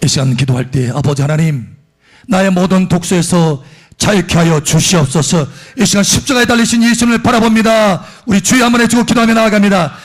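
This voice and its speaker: A man preaching a sermon as pastor, passionately acting out prayers and blessings. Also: fairly quick. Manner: impassioned preaching, voice surging high on quoted prayers and blessings.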